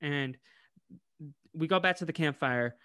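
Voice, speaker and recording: A man's voice: fairly high pitch, unhurried, clear, resonant tone, no room sound, studio quality. An American man co-hosting a podcast, recapping an episode in casual chat and acting out the characters' lines. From United States. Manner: animated, acts out character lines. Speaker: podcast co-host.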